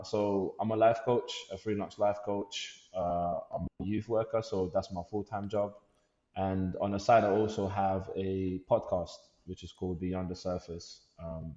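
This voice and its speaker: Guesting on a casual podcast, a man from Lithuania who works as a life coach and youth worker reflects in an easygoing manner, repeating words as he searches for them. His voice is low and warm with a flat delivery at a moderate pace, heard through a roomy space with a long reverb tail and dull audio.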